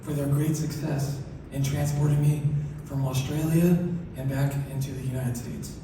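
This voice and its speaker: A soft-spoken man giving an acceptance speech, his articulation slurred as if one side of his mouth is numb. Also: medium pitch, flat delivery, normal speed. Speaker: award recipient. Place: large hall through PA. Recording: echoey hall, distant, noisy ambience.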